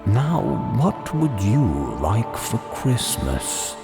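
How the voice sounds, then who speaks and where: A man voicing a jolly, kindly old Santa Claus with slow, drawn-out delivery in a storybook reading. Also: lowish voice, wildly swooping pitch, roomy sound, in a large hall, pitched above the performer's own voice, exaggerated voice. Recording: background music under the voice.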